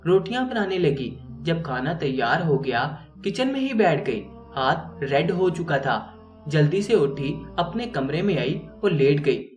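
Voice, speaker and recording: A man's voice: fairly high pitch, big pitch swings, measured pace. A man narrating a moral story in an earnest, moralizing way. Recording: roomy, distant mic, faint music.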